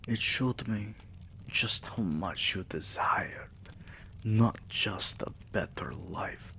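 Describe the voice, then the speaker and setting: In an intimate ASMR roleplay, a man plays a tender, possessive vampire king, murmuring soothingly and affectionately in a low, breathy, gravelly half-whisper. The voice is exaggerated with a sharp edge, over slight background noise.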